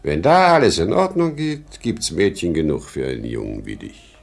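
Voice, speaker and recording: An actor plays a proud, fatherly, aging travelling salesman in a 1950s German radio drama, a boastful but insecure man who chatters and exclaims as he lurches from bragging to self-doubt. The performance is heavily acted and very animated, delivered at normal speed in a low, creaky voice.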